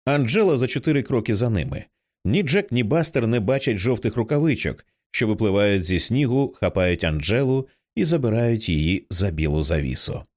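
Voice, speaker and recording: A man narrating an audiobook in an expressive reading style, changing his voice for the characters. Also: fairly low pitch, moderate pace. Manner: expressive, acts out many characters. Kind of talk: scripted narration.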